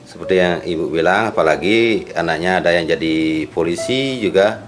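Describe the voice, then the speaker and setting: A man's voice: low voice, moderate pace, slight background noise. A man interviewing an older woman, affirming her answers and ending his points with tag questions. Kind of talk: casual interview. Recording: clear music playing behind.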